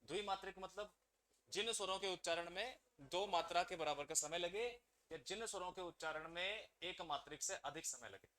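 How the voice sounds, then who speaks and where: A man with a high, ringing voice teaches an exam-prep class. He keeps throwing questions at the students and answering them himself, and the bright edge of his voice carries through the lesson. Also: normal speed.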